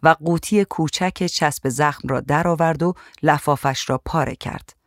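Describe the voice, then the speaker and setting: A man reading a short story aloud in a calm, even narrating voice. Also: on the high side, no echo, clean studio sound.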